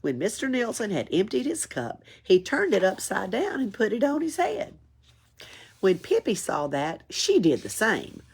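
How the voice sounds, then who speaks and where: Reading a children's story at the library, a woman with a husky, medium-pitched voice goes a little slowly. She performs it expressively, with chuckles and asides along the way.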